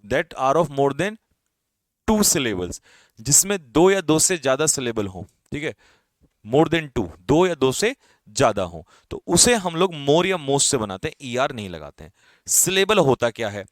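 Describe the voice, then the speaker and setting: A man with an Indian accent teaches an English grammar lesson for exam prep, explaining step by step and asking and answering his own questions. He calls students "brother" and drops his voice at the ends of lists, speaking medium-pitched, very animated and a little slowly, in studio-quality audio with no room sound.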